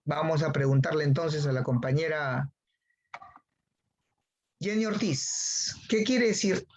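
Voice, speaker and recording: A man's voice: fairly high pitch, slow. A man teaching a class, who repeats key phrases and calls on students by name. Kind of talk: online class lecture.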